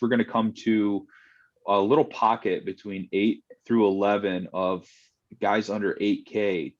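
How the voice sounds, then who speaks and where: A man co-hosting a casual fantasy sports podcast, steadily leading the talk by posing questions about picks. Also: low-pitched. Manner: steady, leads the discussion with questions. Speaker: co-host, fantasy sports analyst. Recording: dull lo-fi audio.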